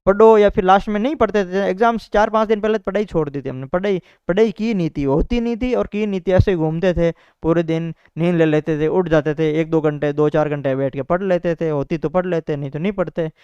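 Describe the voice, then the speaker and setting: A young man, an exam topper, chats casually with exam students about how he prepared, repeating himself and dropping in fillers like "bhai" and "theek hai." His voice sits high and steady, a little fast, mellow and smooth, with hardly any pauses. The recording is dry and lo-fi.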